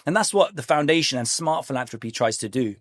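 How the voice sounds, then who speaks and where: A man's voice: mid-range voice, animated, fast talker, a bit bright, dry recording, clean studio sound. A man being interviewed as a guest expert, answering in a thoughtful, explanatory conversational way. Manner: thoughtful, explanatory, acts out quoted voices.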